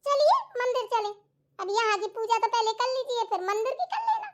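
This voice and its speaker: A woman's voice: very high voice, very animated, brisk, highs cut off. A woman voicing a sly, gossiping young daughter-in-law in a cartoon, teasing with chuckling asides.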